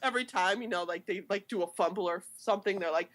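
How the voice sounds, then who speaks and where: A young woman from Chicago, co-hosting a podcast in casual chat, rambling and animated, full of "like" fillers. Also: mid-range voice, fast, slight background noise. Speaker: podcast co-host.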